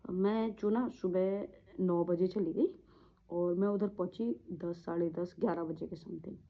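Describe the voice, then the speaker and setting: A woman telling a personal story in a halting, repetitive way, often trailing off, with a grieving tone. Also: lowish voice, fairly even intonation. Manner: emotional, grieving tone. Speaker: vlogger. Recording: tinny phone-like audio.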